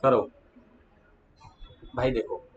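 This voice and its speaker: A man's voice: medium pitch, extremely slow. A man, casually retelling client conversations in a vlog and speaking to viewers like friends. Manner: chatty, retells client calls, addresses viewers as brother. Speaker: small manufacturer sharing business lessons. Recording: dull lo-fi sound with faint background hum.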